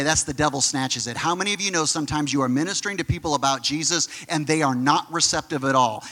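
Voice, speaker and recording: Bright-voiced preacher in an echoing hall. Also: male voice, a little high. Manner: animated, conversational preaching with quick asides. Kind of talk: sermon.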